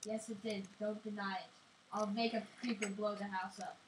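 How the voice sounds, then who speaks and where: A woman's voice: medium pitch, little pitch movement, normal speed. A woman bantering casually over a game in an insistent, mock-indignant way. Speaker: gaming video co-player. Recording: noisy, echoey room, clicks.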